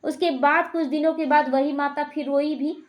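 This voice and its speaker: A woman gives a spiritual talk with a high voice. She tells a personal story and acts out the lines of the people in it. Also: steady tone, moderate pace. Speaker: spiritual teacher.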